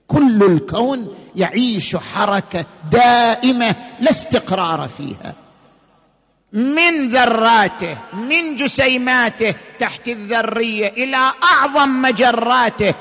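A man giving a sermon-style religious lecture, emphatic, slowing and rising on key words. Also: very high voice, pushed and bright, in a large hall.

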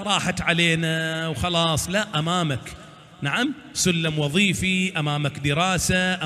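A man's voice: high voice, pushed and bright, long reverb tail. A man preaching a sermon, exhorting his listeners and answering his own rhetorical questions.

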